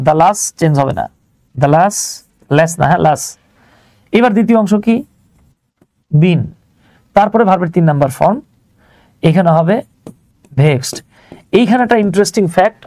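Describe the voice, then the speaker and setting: A Bangladeshi teacher with a mellow, fairly high voice walks his online students through grammar informally and in steps, frequently posing questions he answers himself. The live lesson is recorded close and dry, with no audible room sound.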